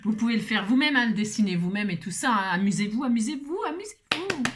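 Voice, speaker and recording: A woman's voice: fairly high pitch, expressive, fast talker, background noise. Chatty, playful woman with a raised voice. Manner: playful, chatty, self-mocking, teasing asides. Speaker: card-making crafter. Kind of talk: crafting tutorial chat.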